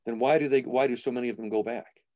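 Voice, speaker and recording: A man's voice: mid-range voice, steady tone, fast talker, dark tone, no room sound. A man in his forties, a film director from the United States, speaking reflectively over a video call from a small home room and often restarting his phrases. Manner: reflective, restarts phrases while thinking aloud. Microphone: video call webcam.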